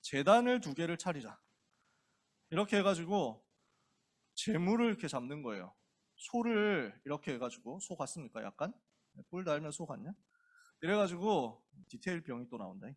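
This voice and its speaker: Male pastor telling a bible story to teens, super casual, acts out every character, voice high and all over the place. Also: big pitch swings, normal speed. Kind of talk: youth sermon, casual storytelling.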